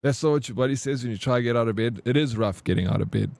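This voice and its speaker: Warm-voiced man chatting on stream. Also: medium pitch, rapid-fire, vocal fry, dry recording. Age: 40s. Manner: chatty, joking, reads and answers chat. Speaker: game streamer. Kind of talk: casual live-stream chat.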